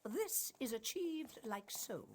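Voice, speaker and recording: A stern magic school professor, giving a lesson in a video game cutscene. Her voice sits fairly high and moves lively through its range, the delivery formal and measured like a teacher addressing a class. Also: very noisy. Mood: formal instructive.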